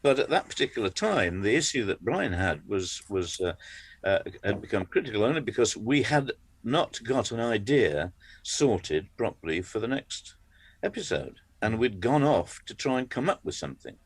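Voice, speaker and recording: A man's voice: lowish voice, sing-song, normal speed, breathy edge, no room sound. Wry man recalling writing days. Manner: wry, dry humor with chuckles. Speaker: television writer and co-creator. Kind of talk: anecdotal interview chat.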